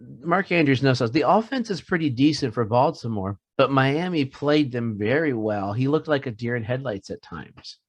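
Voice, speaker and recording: A man's voice: mid-range voice, lively intonation, moderate pace, no echo. A middle-aged man co-hosting a fantasy football podcast, chatting casually and joking at his own expense. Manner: rambling, joking, self-mocking. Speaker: podcast co-host. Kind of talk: casual sports chat.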